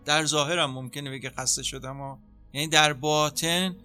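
A man speaking as a psychotherapist in an interview, calmly explaining how treatment works and acting out what a therapist says. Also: on the high side, clean tone, faint music behind. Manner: calm, explanatory, acts out therapist dialogue. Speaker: psychotherapist guest.

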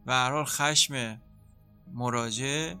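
A man speaking as a psychotherapist in an interview, calmly explaining how treatment works and acting out what a therapist says. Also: mid-range voice, faint music behind. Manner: calm, explanatory, acts out therapist dialogue. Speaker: psychotherapist guest.

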